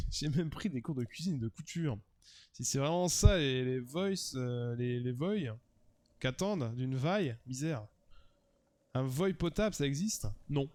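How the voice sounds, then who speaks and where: Un homme qui joue une guerrière Gerudo grincheuse à l'accent allemand. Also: male voice, mid-range voice, lively intonation, unhurried, dark tone, natural voice. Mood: grumbling. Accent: German, put on. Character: grumpy Gerudo woman hunting a husband.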